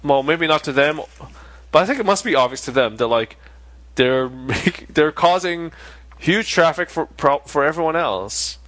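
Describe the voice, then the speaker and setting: A man co-hosting a casual late-night podcast chat, rambling through stories with halting restarts. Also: fairly high pitch, lively intonation, a bit bright, dry recording. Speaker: podcast co-host.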